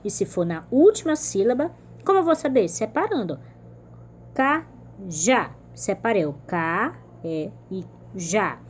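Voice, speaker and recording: A woman's voice: medium pitch, darkish tone, slight background noise. Patient Brazilian woman teaching a lesson. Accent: Brazilian Portuguese. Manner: patient, explains step by step, stresses syllables in example words. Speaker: primary school teacher. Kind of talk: remote classroom lesson.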